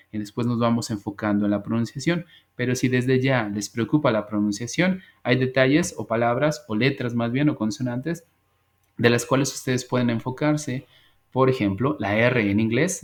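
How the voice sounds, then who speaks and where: A man teaching an English class over a video call, patient and repetitive as he drills pronunciation. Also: mid-range voice. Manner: patient, drills pronunciation slowly and repeats words. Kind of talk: online class lesson.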